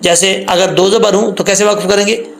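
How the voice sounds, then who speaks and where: A man teaching tajweed rules patiently, repeating points and drawing out the recited syllables slowly. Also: high-pitched, fairly even intonation, creaky. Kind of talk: tajweed lesson with slow recited examples.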